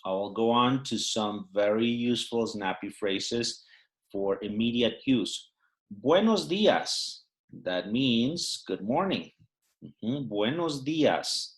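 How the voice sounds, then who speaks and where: Slow, unhurried man teaching phrases. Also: fairly low pitch. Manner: unhurried, many fillers, repeats phrases slowly. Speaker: Spanish teacher. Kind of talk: walking through a phrase sheet.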